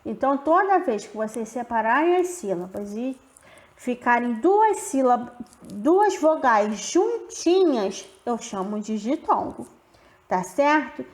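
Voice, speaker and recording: Slow, echoey woman teaching. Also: on the high side, sing-song, darkish tone. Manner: slow, drawn-out, stretching example words. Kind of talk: grammar lesson. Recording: roomy echo.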